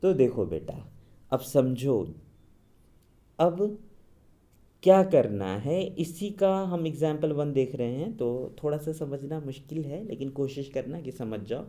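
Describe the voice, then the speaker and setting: A man's voice: mid-range voice, lively intonation, unhurried, dark tone. A man teaching English grammar, patiently explaining and drawing out his English examples word by word. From India. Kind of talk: classroom grammar lesson.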